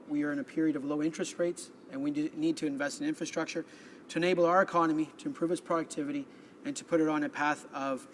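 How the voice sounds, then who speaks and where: A man's voice: on the high side, slight background noise. A man giving a formal parliament speech as a member, reading prepared remarks and stumbling over the odd word. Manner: reads prepared remarks, stumbling and restarting on words. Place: legislative chamber.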